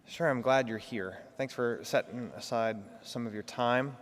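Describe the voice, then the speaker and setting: A man delivers a lecture into a microphone in a big church. He talks fast and works at projecting to the back of the room. His voice sits at an ordinary pitch and carries a long, ringing reverb. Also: steady tone. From Texas. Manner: fast-talking, trying to slow down and project. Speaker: guest lecturer. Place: large echoey church.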